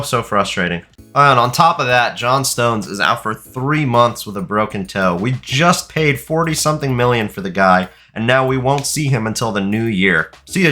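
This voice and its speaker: Bright-voiced young man commentating gameplay. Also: medium pitch. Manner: frustrated, animated, shouts at the players. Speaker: gaming YouTuber.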